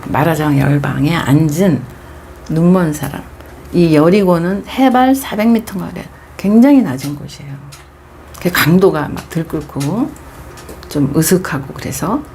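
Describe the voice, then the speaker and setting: A woman's voice: fairly low pitch, a little slow, warm tone, a little hiss or hum. A middle-aged woman pastor preaching a Bible devotional, telling the story expressively and dropping into whispers for emphasis.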